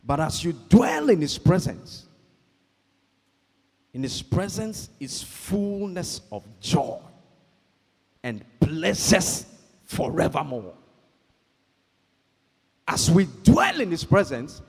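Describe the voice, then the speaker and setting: Husky preacher man in echoing hall. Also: fairly high pitch, wildly swooping pitch. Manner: call-and-response, calls for amens; slow, emphatic, swells to shouts. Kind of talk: sermon. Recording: long hall reverb.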